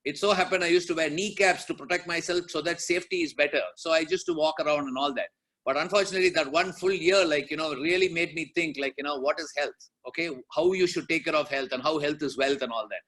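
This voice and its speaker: Man, Indian English accent, fifties, quick bright delivery, slightly high voice. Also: poor audio. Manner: earnest, repeats "like, you know". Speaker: product testimonial speaker. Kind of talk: personal testimony.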